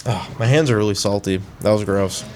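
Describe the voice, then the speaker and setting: A joking man hosting a casual radio talk show, his pitch swinging widely as he teases his guests. He laughs often and tells crude jokes. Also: noisy background. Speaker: host.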